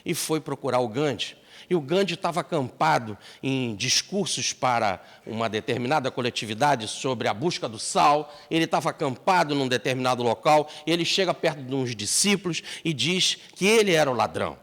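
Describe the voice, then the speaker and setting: A man's voice: mid-range voice, fairly quick, long reverb tail. A man giving a spiritist seminar talk, telling stories expressively. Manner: expressive storyteller. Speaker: spiritist lecturer. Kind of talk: seminar sermon with storytelling. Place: lecture hall.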